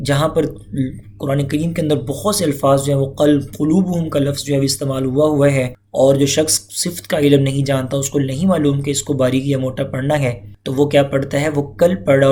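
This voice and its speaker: A man's voice: mid-range voice, darkish tone, slight background noise. A man teaching a recitation lesson, explaining step by step and repeating key points. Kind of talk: lecture-style lesson.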